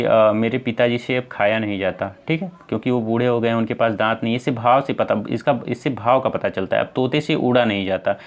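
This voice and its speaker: Man teaching Hindi grammar. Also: mid-range voice. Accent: North Indian Hindi. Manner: explains step by step, asks and answers own questions; addresses viewers as friends, many fillers. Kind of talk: exam-prep lesson.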